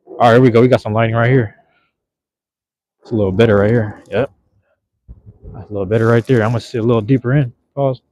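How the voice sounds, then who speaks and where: A young man runs a casual phone livestream from a park at night as cold drizzle comes down. His medium-pitched voice is darkish and steady, and he talks fast but leaves long pauses, rambling in a laid-back, slangy way. The handheld phone audio is lo-fi and slightly dull.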